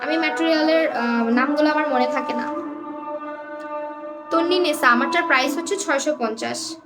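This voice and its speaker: An online clothing seller speaks at normal speed in a high voice, with loud music playing behind her on the live stream. She keeps the sales chat casual, calling out viewers' names and comments and slipping in English words.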